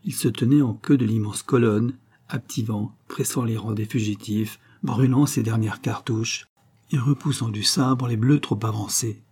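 Husky, mellow male audiobook narrator. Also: lowish voice. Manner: measured, expressive reading. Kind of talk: scripted narration.

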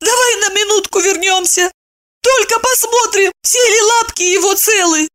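A woman voicing a tearful, shrill middle-aged wife in a storybook reading, squealing and wailing as she pleads for a stray dog. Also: a little slow, fairly bright tone. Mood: pleading. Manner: wailing and sobbing, high-pitched squeals.

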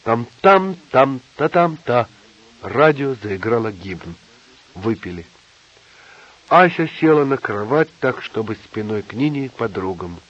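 Husky man reading an audiobook. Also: on the low side. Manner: calm, measured narration. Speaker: audiobook narrator. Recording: slightly dull lo-fi audio.

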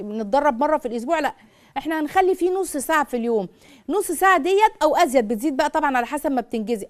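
A middle-aged Egyptian woman hosts a live call-in advice show on parenting. Her voice sits high for a woman and her words tumble out at great speed. She keeps it lively by acting out what mothers say. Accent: Egyptian Arabic. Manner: rapid, animated, acts out mothers' words.

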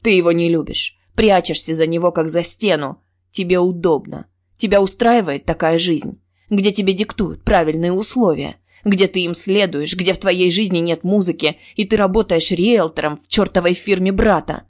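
A woman voicing an intense, brooding young man who speaks in a husky, coaxing low whisper. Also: fairly even intonation, normal speed. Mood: angry.

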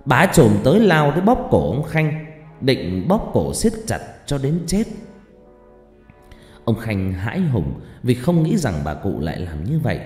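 Dark-voiced man narrating a horror story. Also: mid-range voice, wildly swooping pitch, a little slow. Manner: dramatic, swinging between tense and hushed. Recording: heavy reverb, faint music behind.

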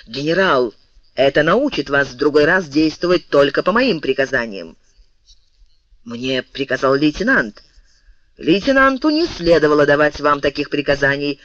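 Stern calm general, read by a man, measured and resonant, lively pitch, dull dry sound. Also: no echo. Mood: commanding. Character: commanding calm male general, stern and ironic.

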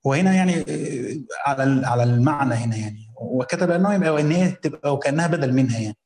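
A man with an Egyptian accent reading a classical religious commentary aloud, slowly voicing the text, then explaining it in casual colloquial asides. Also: medium pitch, lively intonation, darkish tone, reverberant. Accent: Egyptian Arabic.

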